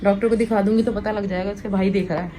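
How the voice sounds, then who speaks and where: A woman's voice: mid-range voice, steady tone, racing, mellow, low-quality recording. A woman in her thirties, a mother, chatting casually to the camera about her day. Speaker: vlogger, mother. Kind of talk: casual home vlog chat.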